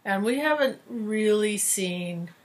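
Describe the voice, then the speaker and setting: A woman's voice: mid-range voice, lively intonation, slow. A woman co-hosting a podcast, giving thoughtful, hesitant commentary. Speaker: podcast co-host. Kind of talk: casual commentary chat.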